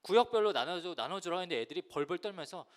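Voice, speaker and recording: A man in his thirties preaching a lively youth sermon, telling a story and acting out the voices in it. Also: high-pitched, very fast. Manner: animated, acts out quoted voices, addresses listeners directly. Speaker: youth pastor.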